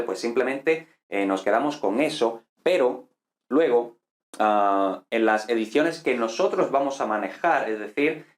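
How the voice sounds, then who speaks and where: Chatty teacher in an echoey room. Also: male voice, medium pitch. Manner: explanatory, chatty, many fillers and tag questions. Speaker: Latin teacher. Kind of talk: casual online lesson.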